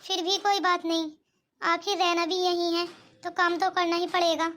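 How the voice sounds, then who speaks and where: A woman doing a meek, squeaky young daughter-in-law. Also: flat delivery, normal speed. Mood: resigned. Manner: polite, soft-spoken and deferential. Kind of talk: cartoon voice acting.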